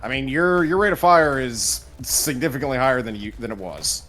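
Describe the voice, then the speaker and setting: A man's voice: medium pitch, animated, fairly quick, fairly bright tone, soft background music. A man co-hosting a game stream, playful and teasing, jumping into silly voices. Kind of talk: casual gameplay chat.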